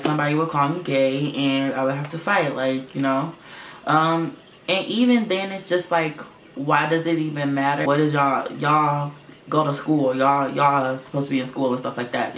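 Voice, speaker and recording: In a room at home, a young vlogger tells a rambling storytime monologue to camera, heavy on fillers and swearing, in a slightly bright voice. He says it's low for a boy and sounds like a girl's. A faint fish tank filter hum sits under roomy echo.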